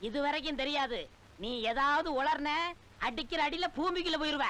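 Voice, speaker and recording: A man's voice: extremely high pitch, normal speed, sharp tone. An actor playing a bossy, scheming comic servant who bullies his sidekick in a film comedy.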